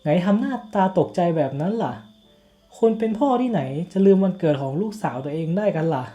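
A gentle, fatherly middle-aged dad. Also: sits high, big pitch swings, fairly quick, dull audio, faint music behind. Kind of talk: dubbed game cutscene.

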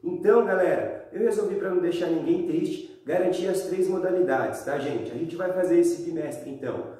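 A man's voice: on the high side, normal speed. A man in his thirties with a Brazilian accent, giving a casual, chatty lesson to schoolchildren. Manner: animated, chatty, addressing pupils directly. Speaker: school physical education teacher. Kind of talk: casual video lesson for children. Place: bare indoor room at home. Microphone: camera a few metres away. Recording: very echoey room, distant microphone.

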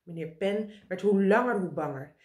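A woman reading a children's book aloud with lively, expressive narration. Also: mid-range voice, normal speed. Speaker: storybook reader. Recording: roomy echo.

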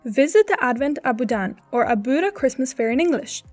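A woman's voice: high-pitched, big pitch swings, a little fast, no room sound, soft background music. A woman host reading a polished, upbeat scripted travel narration as a voice-over.

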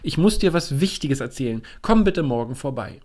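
A man voicing a calm, secretive teenage girl who speaks softly and urgently. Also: medium pitch, normal speed, lightly acted.

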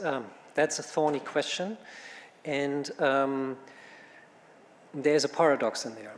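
A man answering questions on a conference panel, thinking aloud with many fillers and restarts. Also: medium pitch. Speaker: panel speaker. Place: conference room. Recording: hall reverb with faint room noise.

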